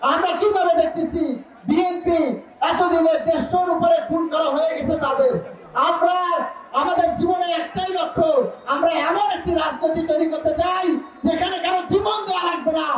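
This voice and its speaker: A man with a Bangladeshi accent delivers a loud, impassioned political rally speech full of repeated phrases. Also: very high-pitched, recorded from a distance. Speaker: political party speaker at a rally. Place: public rally, over loudspeakers. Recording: echoing PA heard from afar, faint crowd.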